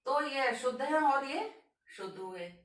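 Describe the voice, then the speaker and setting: A woman teaches a grammar lesson at a slow, deliberate pace, her voice bright and fairly high. She repeats each word with care and stresses the correct form. She sounds a little far from the mic in an echoey room. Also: animated. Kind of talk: board lesson on spelling.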